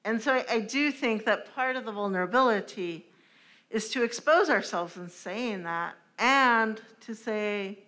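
Woman, middle-aged, cloth mask over mouth, unhurried, deliberate panel speaker. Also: fairly high pitch, pushed and bright. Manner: deliberate, measured phrasing. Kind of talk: reflective panel discussion. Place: large event room, indoors. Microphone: microphone on a table stand.

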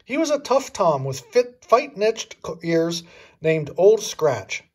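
Like a grandfather at storytime, an older man reads a children's story slowly and with lively animation. His husky voice sits fairly high for a man.

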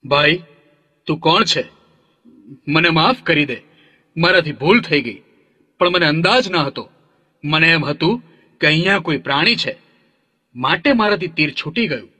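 A man voicing a remorseful, apologetic king in an animated storybook. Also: on the high side, measured pace, long pauses, breathy edge, heavily acted. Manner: apologetic, pleading. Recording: long reverb hall.

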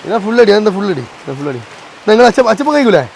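A man's voice: high voice, sing-song, very fast, creaky, crowd noise, poor audio. A man with a north Kerala Malayalam accent, chatting casually as a vlog host, mixing in English slang and talking familiarly to viewers and locals. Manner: colloquial, with English slang words mixed in. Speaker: vlogger, host. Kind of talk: casual excited vlog chat with questions to locals. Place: outdoors by a river and in a boat.

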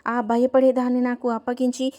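A woman voicing a menacing, bossy ruffian who gives rough commands, in a spoken story. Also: on the high side, level tone, normal speed, mellow, natural voice.

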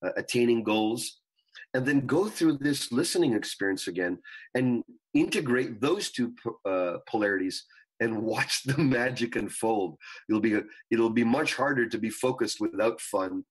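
A man speaking as a spiritual guru and coach in an interview, teaching earnestly in measured phrases. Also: fairly low pitch, slightly rough, low-quality recording. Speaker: spiritual coach and retreat leader, guest. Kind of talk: interview talk, explaining teachings.

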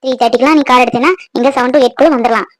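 A woman voicing a practical middle-aged mother in a cartoon who calmly lays out travel plans. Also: a little high, rapid-fire, dry recording, close to an everyday voice. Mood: instructing. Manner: calm, instructing.

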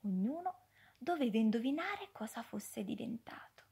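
A woman reading a children's story aloud in an expressive way, often dropping into a hush. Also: a little high, moderate pace, gravelly, breathy edge.

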